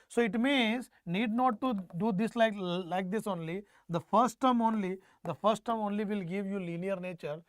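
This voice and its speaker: A man's voice: sits high, normal speed, hardly any pauses, no room sound, studio quality. A man with a North Indian accent lecturing an online exam class, repeating phrases for emphasis and prompting students with questions. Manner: mixes Hindi phrases into English. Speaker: teacher.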